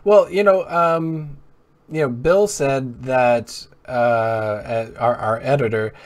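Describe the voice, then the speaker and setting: A man's voice: medium pitch, slow. A man hosting a casual chat show about video games. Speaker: host of a video game show.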